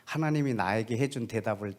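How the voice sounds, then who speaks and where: A male missionary preacher telling a story in a sermon, putting questions straight to the congregation and often dropping into a soft, hushed voice. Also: on the low side, brisk. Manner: addresses the congregation directly with questions.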